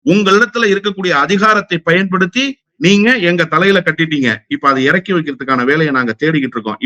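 A man's voice: on the high side, sharp tone, no room sound. A man speaking as a political guest in a heated interview, combative and firing rhetorical questions.

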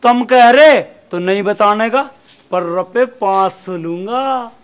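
Brief: man as a sly snitch, high voice, noisy recording. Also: slow pace. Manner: cocky, bargaining rustic talk. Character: sly village police informant, man. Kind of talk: comedy skit acting. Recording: noisy background hiss.

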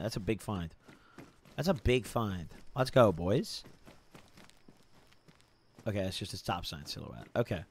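Husky and sitting on the low side, this young man's voice carries casual gaming-stream banter. His style is laid-back frat-bro hype, loaded with swearing and constant "bro," "dude," and "boys."

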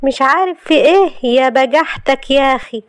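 A woman voicing a furious, heartbroken young wife in Egyptian Arabic, shouting sharp accusations. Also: high voice, quick pace, pitched above the performer's own voice, lightly acted.

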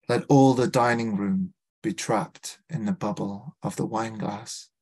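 Scouse guy reading his poems at a lit fest, lowish voice, takes it slow, few ums between poems. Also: darkish tone, breathy edge. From Liverpool, England. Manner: measured, deliberate reading with small hesitant fillers between poems. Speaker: poet. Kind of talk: live poetry reading with spoken introductions. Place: literary festival event.

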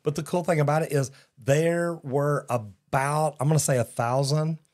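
His voice is on the high side, slightly mellow, fairly even in intonation and normal in speed. He is a man in his sixties hosting a casual live-stream talk show in a studio, upbeat and folksy, often calling people "man", recorded with a broadcast mic on a boom arm.

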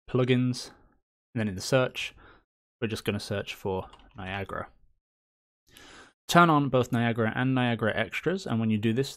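He's a man with a mid-range voice leading a screen-recorded tutorial about a game engine. The mood is chatty and bright with little playful cheers, and his throat is slightly hoarse as a cold comes on.

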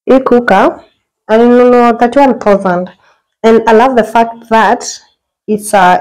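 This low-quality recording captures a medium-pitched young Kenyan woman touring her small apartment on a handheld phone. She's a vlogger in casual, chatty mode, switching between English and Swahili slang and exclaiming brightly as she walks around.

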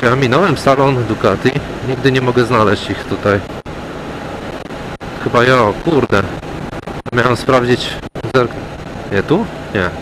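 A man chatting casually to viewers while riding a motorcycle through city traffic, relaxed, with wry remarks about other drivers. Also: medium pitch, unhurried, pauses often. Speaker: motovlogger. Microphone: helmet mic. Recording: clear road and engine noise. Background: road and traffic noise.

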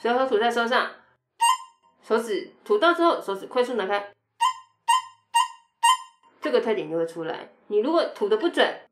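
A woman's voice: medium pitch, big pitch swings, moderate pace, long pauses. Chatty woman flute teacher, echoey room. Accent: Taiwanese Mandarin. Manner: chatty, explains step by step with sung rhythm syllables. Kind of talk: instrument technique lesson. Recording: echoey room, faint music.

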